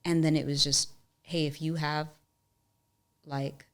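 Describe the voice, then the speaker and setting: A young woman telling a personal story as a podcast guest, animated and chatty, leaning on "like" a lot. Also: sits low, a little slow, clean tone. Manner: animated storyteller, often says "like". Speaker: podcast guest, musician and entrepreneur. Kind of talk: storytelling in casual interview.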